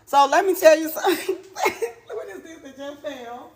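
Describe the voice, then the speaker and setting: A woman with a somewhat high voice runs a live tarot reading stream. She talks in a casual, slangy storytelling way, exclaiming and laughing often as she goes. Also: normal speed, darkish tone, slight background noise. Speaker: tarot reader.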